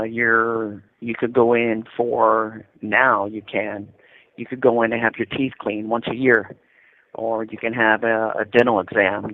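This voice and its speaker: Over a tinny, narrow-band prison telephone line, an American man in his fifties who is incarcerated talks casually with an interviewer about his experiences. His pitch is fairly low.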